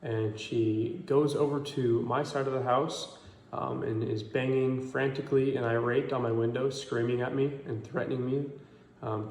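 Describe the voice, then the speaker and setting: A man's voice: medium pitch, a little mellow, echoey room. A man in his twenties giving a hesitant statement to camera, with many ums. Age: 20s.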